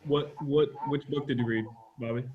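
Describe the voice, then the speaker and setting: A man's voice: mid-range voice, fairly even intonation, moderate pace, narrow, tinny audio, noisy background. A man co-hosting a casual video call chat, curious and given to jokes. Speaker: co-host.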